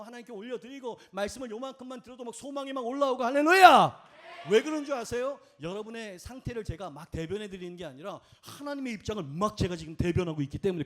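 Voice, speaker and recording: A male pastor preaching a live sermon at a church worship service, speaking emphatically and breaking into shouted hallelujahs. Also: high voice.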